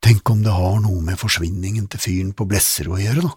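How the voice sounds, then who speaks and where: A shrewd young kid from an audiobook who reasons things out step by step in a measured way, as a man voices the part. The voice is husky and lowish, close to the reader's own. The sound is dry, with no room around it. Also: fairly even intonation, a little mellow, no room sound. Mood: reasoning. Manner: explaining, measured. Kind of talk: audiobook character voice.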